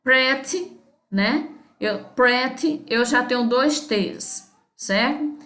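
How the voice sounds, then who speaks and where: Slow, patient Brazilian woman teacher. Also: high voice, sharp tone. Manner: patient, repeats "certo?" after each step. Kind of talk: recorded English grammar lesson. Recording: echoey room.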